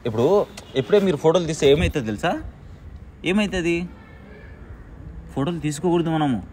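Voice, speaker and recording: A man's voice: fairly high pitch, animated, fairly quick, darkish tone, slight background noise. A man playfully scolding and teasing a small child, firing the same questions at her again and again in a mock-stern way, then coaxing her to stop crying. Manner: coaxing, repeating soothing phrases. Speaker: vlogger playing with a small child. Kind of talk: casual teasing talk with a child.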